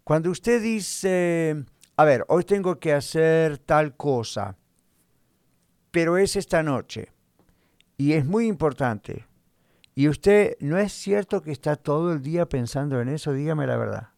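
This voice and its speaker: A man's voice: fairly high pitch, expressive, takes it slowly, gravelly, a little mellow, dry recording, clean studio sound. A man pastor giving a teaching sermon, talking straight to the listener, leaning on repetition and homely everyday examples. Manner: earnest, repetitive, addresses listener directly.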